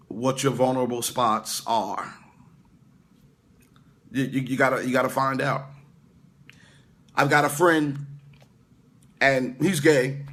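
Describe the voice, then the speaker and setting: A man's voice: mid-range voice, a bit bright. A middle-aged male pastor giving an informal livestream sermon, talking straight to his viewers with lots of restarts and asides. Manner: conversational, stammering restarts, talks to viewers in comments. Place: indoor room away from his usual location.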